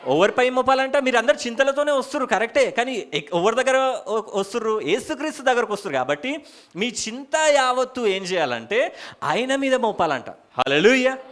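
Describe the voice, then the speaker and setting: A man preaching a church sermon in a Telangana Telugu accent, with shouted hallelujahs and rhetorical questions. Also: very high-pitched, sing-song, brisk. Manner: soft murmured prayer at the start. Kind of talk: church sermon with opening prayer.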